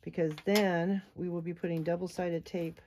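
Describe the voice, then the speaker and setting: A woman's voice: lowish voice, flat delivery, normal speed, warm tone, slight background noise. A middle-aged woman giving a casual sewing tutorial, chatty and encouraging as she thinks aloud while she works. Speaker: sewing instructor.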